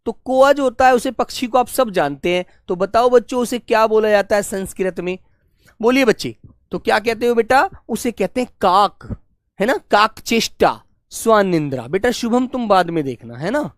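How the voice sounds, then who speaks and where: A man teaching an online language class, who asks each question again and again, calls his pupils "beta" and gently scolds them. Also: high voice, lively intonation, normal speed, dry recording, clean studio sound. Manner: gently scolding, patient explainer. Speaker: Hindi teacher. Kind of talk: live online exam-prep class.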